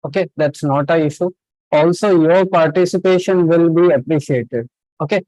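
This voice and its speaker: A man's voice: a little high, moderate pace, dark tone, no echo, rough recording. A man presenting an interactive webinar as host and trainer, often repeating short confirmations and checking in with listeners over an online call. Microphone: online video call.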